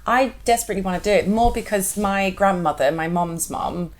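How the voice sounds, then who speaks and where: A woman from Zimbabwe co-hosting a casual chat, talkative and quick to laugh. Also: medium pitch. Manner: chatty, laughs often, speeds up when keen. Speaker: co-host.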